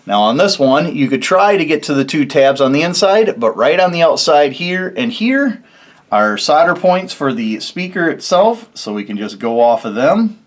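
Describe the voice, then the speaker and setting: Hosting a casual DIY car electronics video, a man explains things step by step in an informal, folksy way. His slightly high voice swings widely in pitch at a moderate pace.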